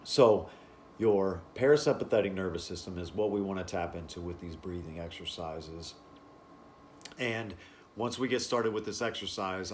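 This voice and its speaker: Guy with a lowish voice teaching wellness stuff, pauses between short phrases, noisy ambience behind him. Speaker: breathing and stress-relief class instructor. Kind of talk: informal explanatory wellness talk.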